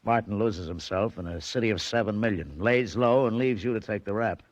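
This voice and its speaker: A gruff American police detective from an old radio show, played by a male actor, curt and sardonic. His voice is low, with a dry, close sound. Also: a little fast, dry recording, lightly acted. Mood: grim. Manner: curt, sarcastic, clipped tough-cop talk. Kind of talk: 1940s radio drama acting.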